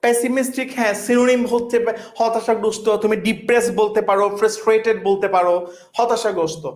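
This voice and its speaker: A woman's voice: a little high, steady tone, fast talker, a little mellow. A woman teaching a vocabulary class, repeating each word and often checking that students understand. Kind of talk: online class lesson.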